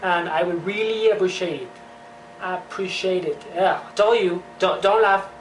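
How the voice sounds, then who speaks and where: A young woman giving a joking, animated comedy vlog monologue, talking with playful exaggeration. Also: on the low side, moderate pace, a little hiss or hum. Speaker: vlogger. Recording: echoey room.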